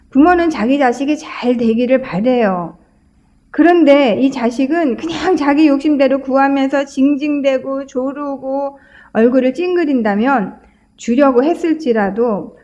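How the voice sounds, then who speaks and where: A woman's voice: high voice, a little mellow, lo-fi sound. A woman pastor giving a sermon, telling stories conversationally with frequent filler sounds.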